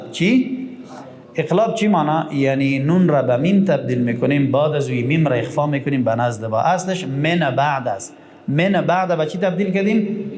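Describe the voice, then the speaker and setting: A man teaching Quran recitation, explaining rules and chanting verses slowly. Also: a little high, darkish tone. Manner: explains slowly, then chants verses in long drawn-out tones. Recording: echoey room with long reverb.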